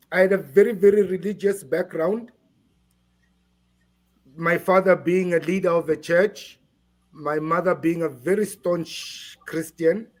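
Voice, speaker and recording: A man from South Africa being interviewed on a podcast, speaking haltingly and repeating words while he searches for them. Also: on the high side, darkish tone. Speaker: guest.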